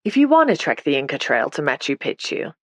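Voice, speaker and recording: A woman voicing a blunt American man with a gravelly New York accent in an audiobook. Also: low-pitched, sing-song, brisk, no echo.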